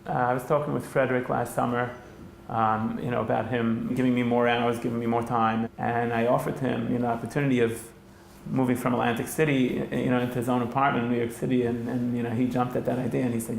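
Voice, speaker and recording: An American man talks casually in an interview, his mid-pitched voice notably creaky. The room is echoey and there is faint noise behind him. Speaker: small business owner. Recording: roomy echo with background noise.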